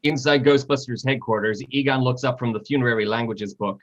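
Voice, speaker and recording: A man reads screenplay stage directions at a live reading in a steady, descriptive voice. His pitch sits mid-range, and the sound is dull and lo-fi. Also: fairly quick. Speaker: narrator.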